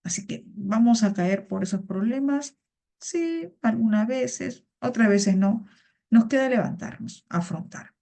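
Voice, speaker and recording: A woman's voice: a little high, animated, unhurried, creaky, mellow. A woman teaching a vocabulary class over a video call, patient and repeating words. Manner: patient, repeats words and greets students by name.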